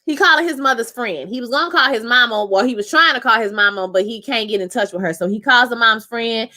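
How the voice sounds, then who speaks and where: This show reviewer is live-streaming, talking fast in a somewhat high voice as she goes over a TV episode. She's a thirtysomething Louisiana woman with a New Orleans accent, chatty and lively, addressing her chat as "y'all."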